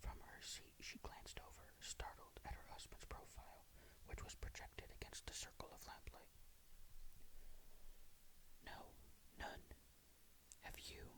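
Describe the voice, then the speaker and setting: Hushed, suspenseful whispered ghost story narration. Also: a little slow, poor audio. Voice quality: breathy unvoiced whisper. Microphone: close to the mic.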